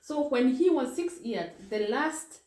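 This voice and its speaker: A woman's voice: sits high, expressive, a little slow, darkish tone. A woman from Kenya with a Kikuyu accent, telling personal stories conversationally as an interview guest, correcting herself and mixing in Swahili and German words. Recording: echoey room.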